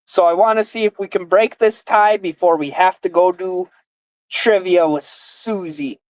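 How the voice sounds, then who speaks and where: A woman's voice: on the low side, unhurried, darkish tone, no echo, poor audio. A woman in her twenties hosting a casual live guessing game, with slurred, lisping speech from a mouth guard. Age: 20s. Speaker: live stream host.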